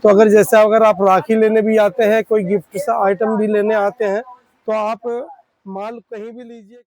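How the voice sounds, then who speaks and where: A man's voice: high voice, little pitch movement, moderate pace, darkish tone, low-quality recording. A man, a spare parts shop owner, explaining products to fellow shopkeepers in an earnest, pleading, repetitive way.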